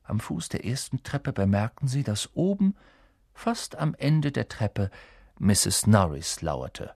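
A man narrating a storybook audiobook in an expressive way. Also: lowish voice, slow, dry recording, clean studio sound.

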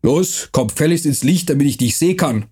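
A man doing a gruff night watchman. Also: a little high, expressive, a little fast, mellow, voice pushed up. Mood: menacing. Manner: rough, bullying, barking. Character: huge gruff male night watchman, mercenary-like.

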